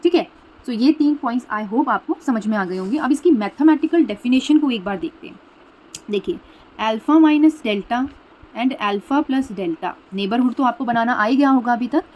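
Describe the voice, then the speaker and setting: A woman maths teacher walks through a lesson at an easy, patient pace. She repeats each key idea and checks that listeners follow, slipping English terms into her explanation. Her voice sits a little higher than most women's. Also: expressive, a little fast, dull audio. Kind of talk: explaining a math lesson at a board.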